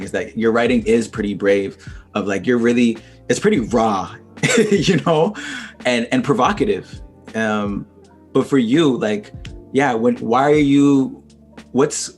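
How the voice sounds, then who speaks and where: A man hosting a casual interview, asking long, searching questions full of fillers and slang. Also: on the low side. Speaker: interviewer, host.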